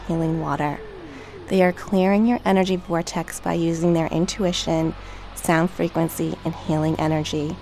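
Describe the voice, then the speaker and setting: Meditation narrator: female, fairly low register with noticeable creak, soothing, unhurried and gentle delivery over background music. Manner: calm, gentle, measured. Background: relaxation track with music, dolphin and water sounds.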